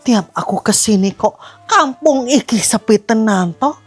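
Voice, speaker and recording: Woman doing a haughty Javanese mother-in-law, sneering and condescending, high lively voice, faint music behind. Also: a little slow, husky. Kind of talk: comedy skit acting.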